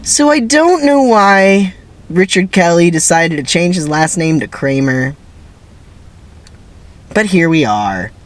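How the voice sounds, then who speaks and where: A man's voice: on the high side, expressive, slow, long pauses. A man hosting a dramatic script reading, commenting in a chatty, self-deprecating way with emphatic asides. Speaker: channel host.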